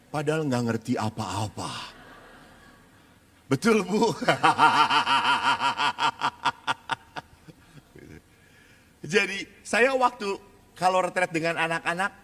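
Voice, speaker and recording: A man preaching with a bright, sharp voice that swings widely up and down, rising high when he acts out the children and mothers in his stories. His sermon rings out with long reverb across a large hall. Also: very animated, a little slow, pauses often. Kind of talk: lively sermon to a live audience.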